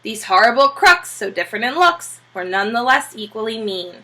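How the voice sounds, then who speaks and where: Sounding like a schoolteacher, a woman reads a children's storybook aloud in a high, bright voice. She delivers it with expression and emphasis, stopping now and then to make short remarks to the people listening.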